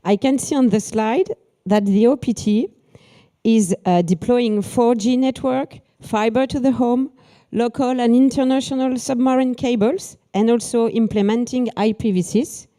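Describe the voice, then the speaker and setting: A woman's voice: on the high side, unhurried, dark tone. A woman co-presenting at a conference, reading scripted prompts to her partner. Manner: reads prompting questions to co-presenter. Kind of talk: scripted two-person presentation.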